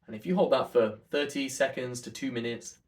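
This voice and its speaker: A man coaching an articulation warm-up in an instructional, demonstrative way, with careful enunciation. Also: medium pitch, a little fast. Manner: demonstrative, over-enunciates counts and sounds.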